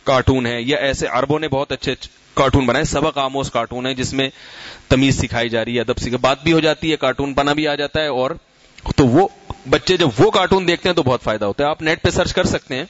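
A middle-aged man, a scholar and teacher, gives a conversational religious talk, explaining through homely examples and putting questions to his listeners. His pitch is medium, and the recording is dry, lo-fi, and slightly muffled.

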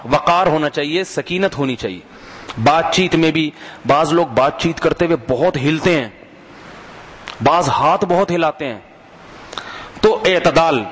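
A man's voice: a little high, fairly bright tone. Male preacher in a reverberant hall. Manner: conversational, keeps asking the audience to respond; tells humorous anecdotes. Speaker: religious preacher. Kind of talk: sermon.

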